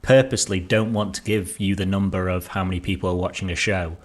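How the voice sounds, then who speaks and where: A low-pitched man co-hosting a casual podcast chat. He rambles and hesitates, filling his sentences with ums as he works through a point. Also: level tone, fast. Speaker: podcast co-host.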